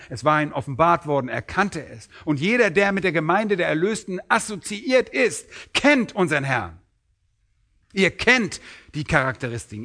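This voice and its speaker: A man preaching a sermon on a parable, emphatic and rising sharply in pitch when he acts out quoted lines. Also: sharp tone.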